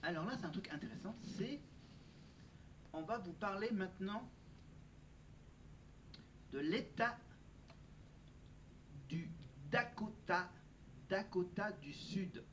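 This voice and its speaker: A man with a high, bright, animated voice talks slowly with long pauses in a casual vlog. He chats about trivia and often corrects himself as he goes, and the recording has a dull lo-fi sound with faint background noise.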